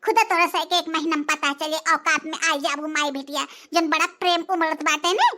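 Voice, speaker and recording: A performer voicing an angry young daughter-in-law with an Awadhi accent, ranting bitterly in a cartoon. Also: female voice, sits high, steady tone, brisk, bright, forceful tone. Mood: bitter, fed up. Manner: bitter, complaining rant. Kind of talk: cartoon voice acting.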